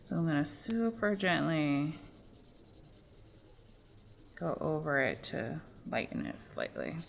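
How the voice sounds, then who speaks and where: A woman's voice: low-pitched, big pitch swings, slow pace, vocal fry. A young adult woman giving a casual drawing demonstration, explaining each step as she works, with many fillers. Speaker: art teacher. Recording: muffled lo-fi audio, faint room noise.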